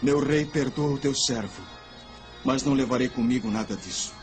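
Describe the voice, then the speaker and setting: An actor playing a brave, devout young shepherd in a radio play, earnest and declamatory. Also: male voice, mid-range voice, normal speed, soft background music, close to an everyday voice. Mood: humble, confident. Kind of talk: dramatized radio play acting.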